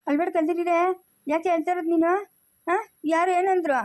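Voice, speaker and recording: A woman's voice: very high voice, steady tone, a little fast, darkish tone, no room sound. A woman playing a kind village relative who coaxes and comforts a crying young wife in rural Chikkaballapur Kannada. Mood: coaxing. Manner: soothing, coaxing.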